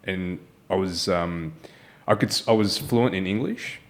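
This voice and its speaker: With a deep voice at a measured pace, this Malaysian podcast host leads a relaxed interview conversation. He comes across as earnest and supportive and frequently adds "right?".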